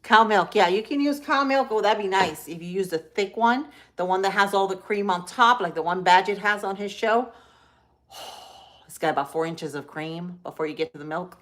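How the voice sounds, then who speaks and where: A woman's voice: medium pitch, moderate pace, a bit bright. A woman with a Spanish accent, from Central Florida, hosting a casual live cooking stream in a home kitchen. She is chatty and upbeat, greets viewers by name and talks through each step. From Central Florida, United States. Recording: echoey room with faint background noise.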